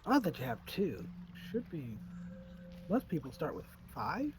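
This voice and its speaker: A man's voice: a little high, wildly swooping pitch, a little slow, background noise. A man playing in a tabletop game, chatty and helpful to the group. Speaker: player. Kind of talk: casual tabletop play.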